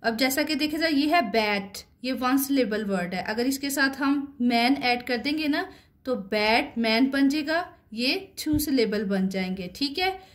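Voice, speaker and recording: A woman working as an online teacher who explains a children's English lesson, reading the English lines slowly and deliberately, then explaining them, with frequent rising "right?" checks. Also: sits high, animated.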